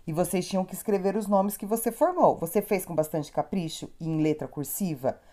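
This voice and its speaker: A woman with a warm, mellow and slightly low voice teaches young children in a recorded lesson. She spells out words slowly, stretching each syllable, and offers gentle praise. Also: lively intonation. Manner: slow syllable-by-syllable enunciation, encouraging. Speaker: primary school teacher.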